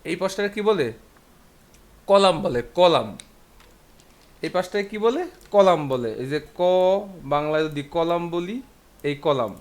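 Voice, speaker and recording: A man's voice: a little high, animated, slow pace, pauses often. A man teaching a language class, patiently repeating syllables one by one and asking rhetorical questions. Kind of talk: classroom lesson.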